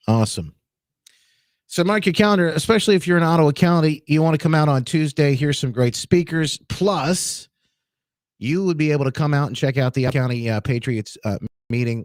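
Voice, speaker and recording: A man's voice: medium pitch, no echo. A man hosting a talk radio show, chatting casually and greeting listeners by name from his studio. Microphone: studio microphone.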